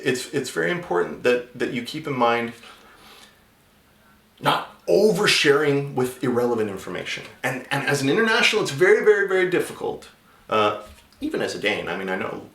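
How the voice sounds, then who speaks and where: This vlog features a man with a medium-pitched, fairly bright voice sharing relaxed job-search advice. A native English speaker, he speaks conversationally, restarting sentences often and using plenty of filler words. The sound is roomy.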